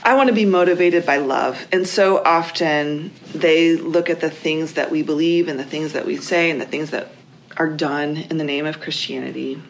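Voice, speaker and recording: A woman with a notably low voice speaks earnestly and deliberately, giving personal testimony in an interview. Faint noise and ambience sit behind her. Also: low-quality recording.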